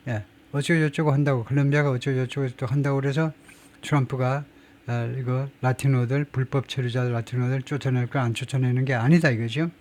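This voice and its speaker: A man's voice: mid-range voice, steady tone, brisk, a little mellow. A middle-aged man teaching English grammar in an emphatic, explanatory lecture, reading English example sentences aloud.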